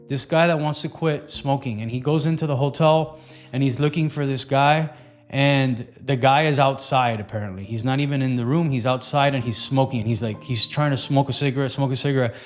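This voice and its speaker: A man coaching on fat loss in an earnest, loose motivational talk, with repetitive phrasing and plenty of fillers. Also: mid-range voice.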